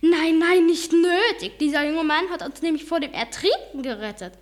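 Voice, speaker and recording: A woman's voice: very high voice, normal speed, voice pushed up. A woman doing a prim elderly queen. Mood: regal. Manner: stately, uses the royal we. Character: elderly queen, regal and dry.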